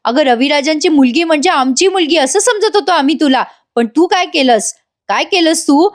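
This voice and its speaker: A woman's voice: sits high, expressive, moderate pace, voice pushed up. A woman reading an indignant patriarch. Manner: accusing, indignant. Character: wounded stern family patriarch.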